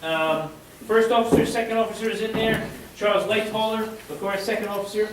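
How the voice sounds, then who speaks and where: A man's voice: sits high, fairly even intonation, fairly quick, noisy background. A man giving a live history presentation to an audience, chatty and constantly checking in with his listeners. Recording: echoey room, voice from far off.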